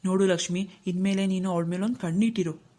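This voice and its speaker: A woman's voice: medium pitch, steady tone, fast, dark tone, natural voice. A woman voicing a worried young husband and protective older brother in a cartoon, speaking earnestly. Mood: instructing. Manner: earnest, troubled. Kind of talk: cartoon dialogue acting.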